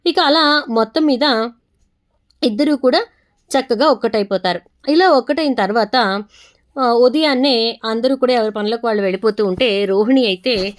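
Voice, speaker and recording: Chatty woman narrator, slightly high voice. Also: normal speed, long pauses. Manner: chatty, strings events together with repeated connectives. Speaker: serial recap narrator. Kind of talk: casual storytelling recap.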